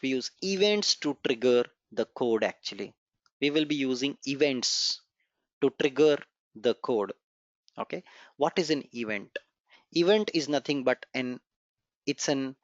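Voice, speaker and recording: A programming instructor whose first language is Gujarati leads a live online coding class, encouraging students and going over each step more than once as he walks through the code. His voice sounds dull and dry, like a lo-fi computer-mic recording.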